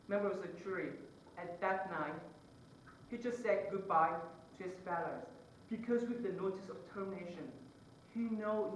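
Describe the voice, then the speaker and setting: A man's voice: sits high, a little hiss or hum. Earnest man in an echoey hall. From Vietnam. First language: Vietnamese. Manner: earnest, halting, with many pauses between phrases. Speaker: student advocate giving closing argument. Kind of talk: mock trial closing argument. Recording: echoey room, voice far from the mic.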